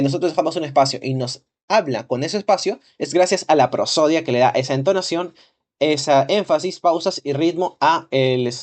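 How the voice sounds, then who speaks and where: Male instructor, slightly high pitch, reads slide text and adds casual asides. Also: a little mellow. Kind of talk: reading and explaining lesson slides.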